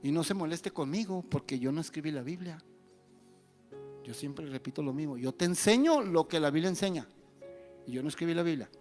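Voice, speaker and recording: A male pastor, preaching an animated sermon and acting out the voices of the people he quotes. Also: on the high side, fairly quick, faint music behind.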